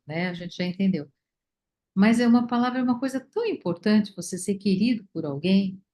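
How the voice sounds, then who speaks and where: A woman leading a study group, talking reflectively with many pauses and fillers over a video call. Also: mid-range voice, mellow. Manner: thoughtful, many fillers and restarts.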